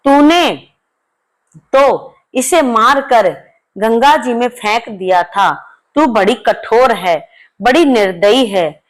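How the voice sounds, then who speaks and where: A stern mother-in-law from a spoken folk tale, as a woman puts her on. She scolds slowly and reproachfully, her voice set somewhat high. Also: animated. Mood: scolding.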